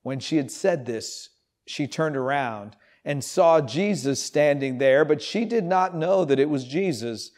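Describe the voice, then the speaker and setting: Brief: man, fifties, preacher, somewhat high voice, animated storytelling sermon, church setting. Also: a little slow. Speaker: pastor. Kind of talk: sermon with scripture reading. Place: empty church sanctuary, indoors.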